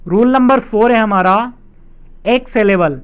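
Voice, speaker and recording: High, smooth-voiced man teaching a lesson. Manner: explains rules slowly, repeats them with examples. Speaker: English teacher. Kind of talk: spelling lesson explained step by step. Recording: dull lo-fi sound.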